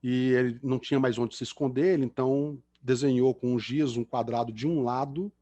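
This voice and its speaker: Speaking at a slightly quick clip with fairly even intonation, this mellow mid-range male voice belongs to a middle-aged Belo Horizonte engineer with a Mineiro Brazilian Portuguese accent. He's a guest on a video call at the close of an online lecture, chatty and self-mocking, cracking jokes and using lots of fillers. There's no room sound, and the audio is muffled.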